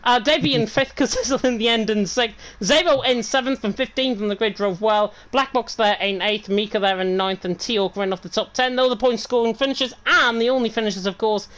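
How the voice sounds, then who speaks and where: A woman's voice: fairly high pitch, brisk, hardly any pauses, fairly bright tone, poor audio. A woman commentating live on an online racing league, chatty and upbeat as she runs through the results. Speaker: race commentator. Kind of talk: live esports race commentary.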